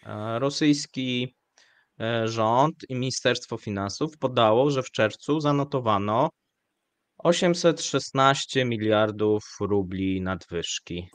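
Male host, mid-pitched, measured and hesitant with many fillers, dry close mic. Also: smooth, dry recording. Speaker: show host. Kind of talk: live economic commentary.

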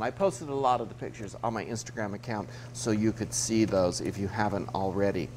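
A man's voice: medium pitch, a little hiss or hum. A man in his fifties from Utah hosting a TV cooking segment, chatting through each step as he cooks in a studio kitchen. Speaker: TV cooking show host. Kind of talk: cooking demonstration.

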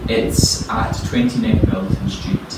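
A man in his thirties examining a student's spoken English, talking slowly and clearly with patient encouragement, in a small office. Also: high-pitched, very animated. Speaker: English speaking-test examiner. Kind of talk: spoken language exam interview. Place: small indoor office room. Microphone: far camera. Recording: echoey room, far from mic, loud noise.

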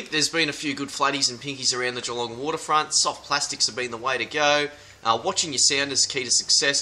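Very bright young Australian shop co-host. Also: male voice, medium pitch, a little hiss or hum. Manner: brisk, promotional delivery. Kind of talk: casual product and fishing report. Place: inside a large tackle shop. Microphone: camera at close range.

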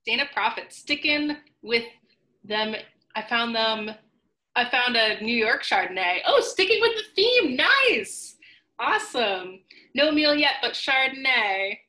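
A woman's voice: a little high, animated, unhurried, bright, forceful tone, echoey room. A woman hosting a live online cooking class on a video call, chatty and upbeat with lots of fillers. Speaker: host.

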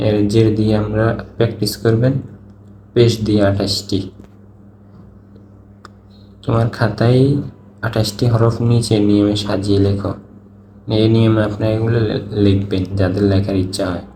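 Male Quran teacher, patient and repetitive, monotone delivery, faint hiss behind. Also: fairly low pitch. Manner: patient, repetitive drilling of letter sounds. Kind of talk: recorded online lesson. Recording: echoey room, faint background noise.

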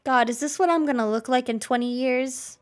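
A woman streamer giving casual, playful, expressive live commentary on a game. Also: sits high, brisk.

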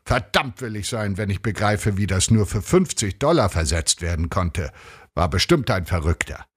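A man's voice: deep voice, expressive, moderate pace, breathy edge, voice pushed up. A man playing a self-satisfied, teasing middle-aged husband in a read short story.

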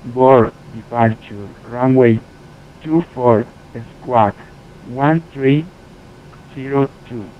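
A man working as an air traffic controller, heard over a pilot's headset radio, giving clearances in clipped, measured phraseology. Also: medium pitch. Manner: slow, measured, spells out numbers. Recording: tinny radio line, faint hiss.

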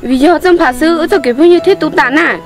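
A woman's voice: sits high, fast, over music. A woman acting in an amateur drama, pleading and exclaiming as she speaks.

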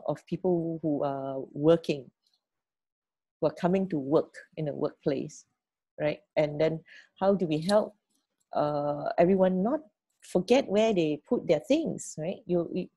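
A middle-aged woman talks her team through a plan on a video call. Her voice sits low and mellow, with a dry, close sound. She repeats words as she thinks and keeps checking in with "okay?" and "right?". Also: dry recording. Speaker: team leader. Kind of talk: online team meeting briefing.

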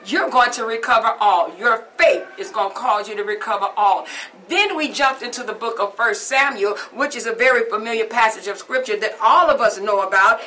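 Fervent woman preacher, bright voice. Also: fairly high pitch, a little hiss or hum. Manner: fervent, repetitive preaching cadence. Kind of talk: sermon. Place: small studio with curtain backdrop, seated.

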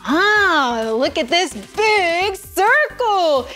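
A woman's voice: extremely high pitch, very animated, very slow, pushed and bright, soft background music, exaggerated voice. A woman playing a bubbly, curious young explorer on a kids' show, gasping and giggling with wide-eyed wonder. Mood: excited. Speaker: children's show presenter. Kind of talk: kids' TV presenting.

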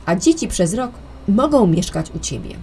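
A woman's voice: mid-range voice, big pitch swings, moderate pace, warm tone, a little hiss or hum, natural voice. Woman putting on a giddy dad, exclaims everything, storybook voice. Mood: eager. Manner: eager, exclaiming. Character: excited carefree father.

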